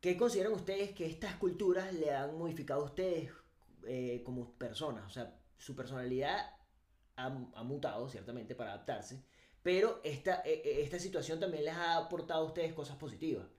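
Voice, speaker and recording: A Venezuelan podcast co-host in casual chat, slangy and animated, steering the talk. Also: medium pitch, a little fast, echoey room.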